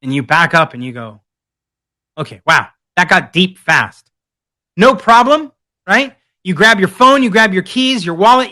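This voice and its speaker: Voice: mid-range voice, sharp tone. A conference speaker telling a vivid second-person story, acting out quotes and repeating phrases for emphasis. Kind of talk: storytelling keynote talk.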